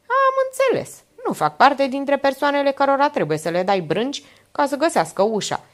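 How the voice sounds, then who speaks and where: A woman voicing an older aunt, worldly and smoothly polite, who presses with coaxing, insistent questions in an audiobook reading. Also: sits high, sing-song, voice pushed up. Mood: pressing.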